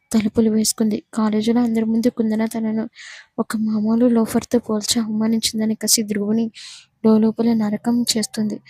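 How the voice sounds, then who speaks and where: A woman narrating a romance story in a steady, measured manner. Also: fairly high pitch, slightly rough, dry recording.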